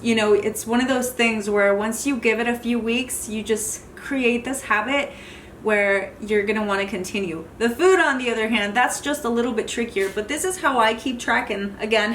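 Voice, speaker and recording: Chatty woman vlogger, slightly high voice. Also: fairly bright tone, slight background noise. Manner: chatty, loose and friendly, with many fillers. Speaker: fitness vlogger. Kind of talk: casual vlog tour of home workout gear. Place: home workout corner indoors.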